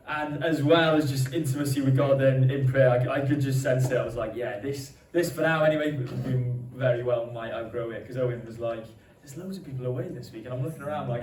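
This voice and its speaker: With a mid-range voice, a young Welsh preacher delivers a conversational, storytelling sermon dotted with ums in a church hall. He holds a handheld mic, though the capture is distant and echoey, with background noise present.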